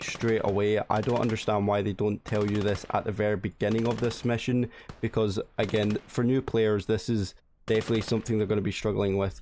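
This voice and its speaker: A young man with a fairly low voice talks through a video game tutorial. He explains in a casual, rambling way and often circles back to repeat his point. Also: darkish tone, slight background noise. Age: young adult. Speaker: gaming tutorial host. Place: indoor room at home.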